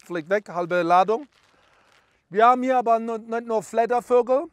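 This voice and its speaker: Speaking at a normal speed in a very high voice, a man parodies a how-to video as a boastful bird photographer who calls himself an expert. His German is broken and mixed with English, and he stumbles as he talks in a dry recording.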